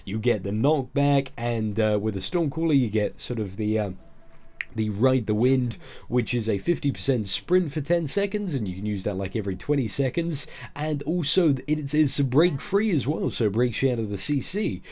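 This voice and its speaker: A man with a dark, mellow voice at a middling pitch talks through a video game in an informal, explanatory way. He sounds under the weather and slightly groggy as he gives his casual commentary. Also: expressive, normal speed. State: ill, groggy. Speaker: gaming video creator.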